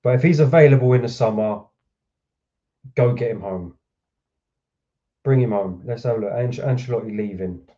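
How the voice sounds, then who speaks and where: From home, a man hosts a football reaction stream, ranting and swearing in anger at the match. His medium-pitched, warm voice moves at normal speed with long pauses, and the sound is dull and lo-fi.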